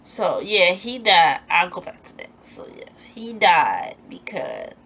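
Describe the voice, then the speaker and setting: Animated young woman telling a story. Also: on the low side, slow pace. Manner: animated, acts out quoted lines in a raised voice; emphatic, repeats herself when upset. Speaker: vlogger telling a personal story. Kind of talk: storytime vlog.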